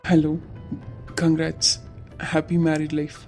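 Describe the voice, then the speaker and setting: A woman voicing a gentle young man in love, soft and coaxing, in an animated web series. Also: sits low, unhurried, faint music behind.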